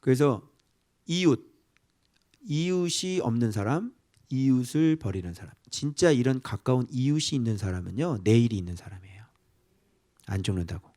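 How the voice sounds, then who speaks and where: A male pastor delivers a sermon in a lively, conversational way, firing questions at his listeners and slipping into hushed asides. His voice sits at a middle pitch but moves a great deal. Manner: animated, asking the congregation questions, dropping to whispered asides.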